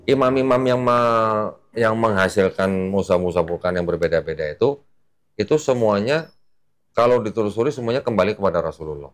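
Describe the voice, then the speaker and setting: A man's voice: on the low side, animated, a little fast. A man, an Islamic preacher explaining at length in casual talk, patient and full of fillers.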